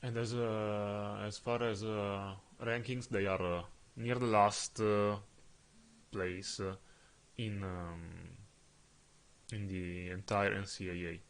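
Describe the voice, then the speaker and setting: An Italian man narrates his own football video game stream in English, his second language, with a noticeable Italian accent and frequent filler-laden pauses while he hunts for words. His voice sits fairly low, level and smooth, though the recording is rough.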